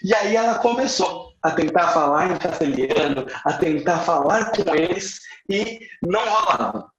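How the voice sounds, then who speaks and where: A man's voice: on the high side, expressive, measured pace, fairly bright tone. A middle-aged Brazilian man with a Brazilian accent, teaching English in a live online class. He switches between English phrases and their Portuguese translations and stretches key words for emphasis. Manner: says phrases in English, then repeats them in Portuguese. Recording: echoey room, slightly dull sound.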